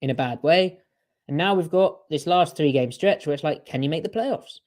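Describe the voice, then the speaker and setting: A man's voice: fairly high pitch, moderate pace, a little mellow. A man co-hosting a podcast in casual sports chat, talking in a chatty way with strings of rhetorical questions. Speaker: podcast co-host.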